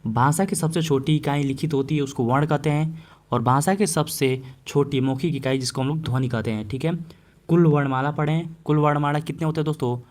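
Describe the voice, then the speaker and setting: With a fairly high, a little mellow voice and fairly even intonation, a male teacher gives an exam-prep Hindi grammar lesson. He slowly repeats example words and answers the questions he asks the class.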